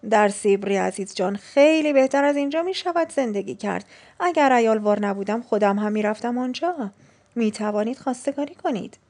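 A woman reading the part of a sly, eager father desperate to marry off his daughters, with a husky voice. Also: very high-pitched, darkish tone, exaggerated voice.

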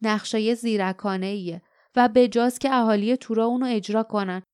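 A woman voicing a gentle, dignified older male village leader in an audiobook, speaking softly and earnestly. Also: fairly high pitch, fairly even intonation, clear, resonant tone, dry recording, clean studio sound, lightly acted.

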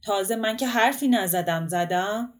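A woman reading a story aloud, voicing a blunt, sharp-tongued middle-aged man who trades insults with his friends. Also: mid-range voice, voice pushed up, lightly acted. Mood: apologetic. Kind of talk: audiobook character reading.

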